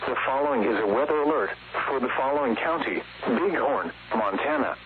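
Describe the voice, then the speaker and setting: A man's voice: medium pitch, lively intonation, a little fast. A man's synthetic, stilted weather radio voice reading a scripted emergency warning over a noisy, muffled radio broadcast.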